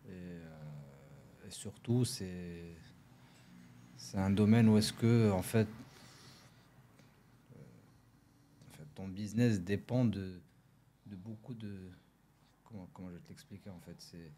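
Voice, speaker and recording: A low, mellow-voiced man from Morocco talks as a guest on a studio podcast, with faint room sound behind him. He often hesitates, repeats himself and hunts for the right word. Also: takes it slowly, long pauses, slight background noise. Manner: hesitant, searches for words, many restarts. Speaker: restaurant owner, guest. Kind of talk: casual interview.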